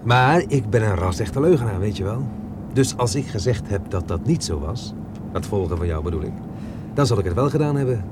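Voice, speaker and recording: Man dubbing a cocky chauffeur, habitual liar, teasing banter, lowish voice. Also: animated, fairly quick, noisy background, natural voice. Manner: breezy, teasing, boastful banter. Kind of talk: dubbed film dialogue.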